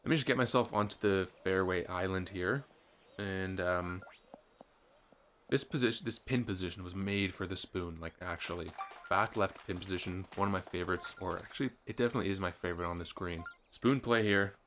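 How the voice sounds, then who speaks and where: With game music behind him and a slight hiss or hum, a man runs casual play-by-play on his own game for his gaming channel, upbeat and chatty with some gamer slang. His low-pitched voice is fairly quick and a bit bright.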